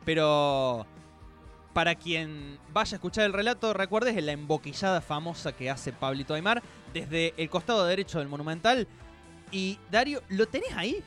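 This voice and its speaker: A man with an Argentine accent talks football as a show presenter. His voice sits high and moves up and down animatedly, with emphatic phrasing in a conversational style. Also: animated, moderate pace, a bit bright, soft background music. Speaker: sports radio show presenter. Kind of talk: conversational football nostalgia segment.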